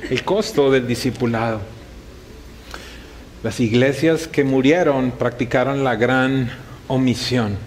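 A pastor delivers a sermon in a raised, fairly high male voice. He keeps it conversational, leaning on rhetorical questions aimed at his congregation. The delivery sounds like live preaching in front of a gathered church. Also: a little hiss or hum.

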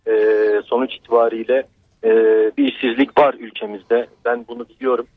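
A man calling in to a radio show over a landline telephone, talking hesitantly with many pauses. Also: mid-range voice, flat delivery, slightly rough, dry recording. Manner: hesitant, halting, full of pauses. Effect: landline telephone line. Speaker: radio call-in caller. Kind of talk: call-in opinion. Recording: dry tinny phone line.

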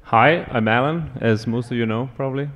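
A man's voice: medium pitch, brisk, a bit bright, a little hiss or hum. A man from Slovenia casually introducing himself as a guest at a live event.

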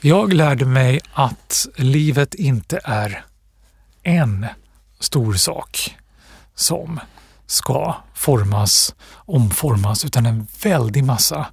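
A man being interviewed as an author, talking reflectively with pauses and restarts. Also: mid-range voice, lively intonation, gravelly, darkish tone, slightly rough, no room sound, clean studio sound. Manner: thoughtful, pausing, with restarts and fillers. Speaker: author, guest.

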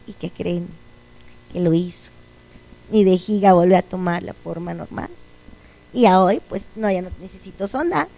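A woman's voice: on the low side, moderate pace, creaky, long pauses, dark tone, low-quality recording. A woman giving a religious testimony to a congregation, telling her story earnestly and acting out the conversations in it. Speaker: church testimony speaker.

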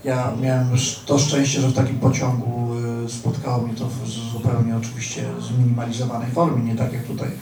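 A man answers in a flat, halting way, with lots of pauses and restarts. His voice is dark in tone, and he sounds distant in an echoey room with faint music behind. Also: mid-range voice. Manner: hesitant, halting. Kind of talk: casual conversation.

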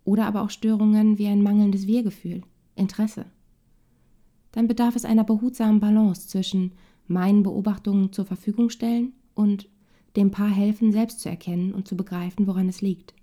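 A woman couples therapist calmly reading a nonfiction book aloud in a measured way. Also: mid-range voice.

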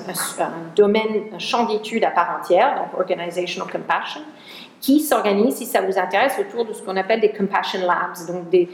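Researcher lady w/ english-speaking accent, lots of restarts, bit gravelly, echoey hall. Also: medium pitch. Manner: hesitant, many restarts, mixes in English words. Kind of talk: talk with an audience.

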